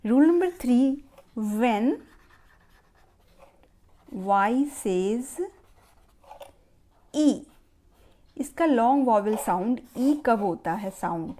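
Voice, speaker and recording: Slow, patient woman teaching phonics. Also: a little high, expressive, warm tone. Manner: slow, patient, repeating words for learners. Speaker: phonics teacher and channel host. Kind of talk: explaining pronunciation rules to children's parents.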